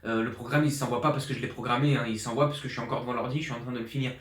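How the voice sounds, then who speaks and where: Very fast and a bit bright, a medium-pitched male voice with a steady tone fills an echoey apartment flat. He's a fitness coach in his 20s, fired up and rambling about his year in an informal vlog, with many restarts and fillers. He speaks into a borrowed professional journalist mic.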